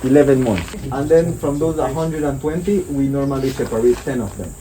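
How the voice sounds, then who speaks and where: Woman, wildlife guide, extremely low voice, instructive, reassuring, loud background noise with insects. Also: a little fast. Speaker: iguana sanctuary guide. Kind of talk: casual guiding of visitors.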